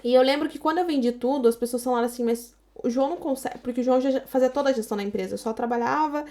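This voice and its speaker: Quick, high-voiced Brazilian woman telling stories. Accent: Brazilian Portuguese. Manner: animated, acts out quoted dialogue. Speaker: podcast guest, entrepreneur. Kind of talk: casual podcast storytelling.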